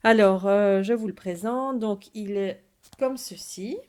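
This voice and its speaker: Hesitant woman with a warm, mellow voice. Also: mid-range voice, takes it slowly. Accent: noticeable French accent. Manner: hesitant, many fillers and restarts. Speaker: craft video host. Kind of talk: casual product presentation.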